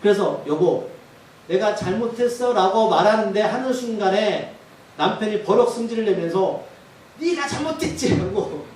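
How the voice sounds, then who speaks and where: A man's voice: sits high, normal speed, a little mellow, a little hiss or hum. A male pastor preaching a sermon, often putting questions to the congregation. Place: church sanctuary. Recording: echoey church hall from far off.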